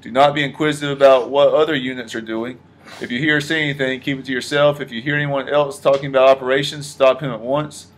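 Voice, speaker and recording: A man's voice: medium pitch, steady tone, quick pace. A man teaching history to a class, questioning the students and echoing their answers. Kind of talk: classroom lesson.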